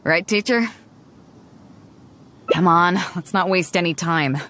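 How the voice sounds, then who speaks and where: A woman's voice: fairly low pitch, slow pace, fairly bright tone. Beidou, a swaggering female sea captain. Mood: warm, playful. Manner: confident, teasing, swaggering. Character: bold, hearty female sea captain with a cursed past. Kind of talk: video game voice acting. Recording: studio voice over background music. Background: music.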